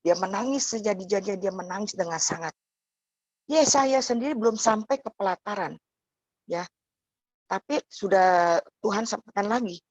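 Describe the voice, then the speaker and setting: A woman's voice: medium pitch, moderate pace, dry recording. A woman preaching a sermon in a conversational way. She often tags her phrases with a questioning "ya" and speaks straight to the congregation.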